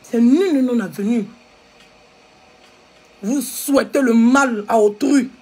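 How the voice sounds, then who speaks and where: A woman's voice: fairly high pitch, slow pace, warm tone, breathy edge. A woman with an Ivorian French accent giving a heated, repetitive rant that scolds her viewers. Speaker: social media commentator. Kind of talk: angry live video rant.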